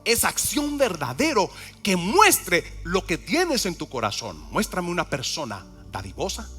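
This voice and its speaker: A man's voice: on the high side, sharp tone. A male pastor preaching a sermon with emphasis, repeating key words and asking the congregation questions.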